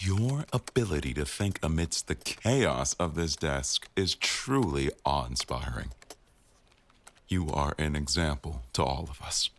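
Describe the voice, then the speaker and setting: In a boyfriend ASMR roleplay, a man voices a stern, teasing office boss, full of character and wry formality. His voice rumbles low with lively intonation and a fairly bright tone, and he talks a little slowly.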